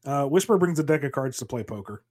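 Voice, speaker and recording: A man of middle pitch chatting casually on a podcast, riffing in a playful, easygoing way. His voice sits right in the ordinary middle range. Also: animated, quick pace, darkish tone. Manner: playful, riffing comic scenarios. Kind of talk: casual chat.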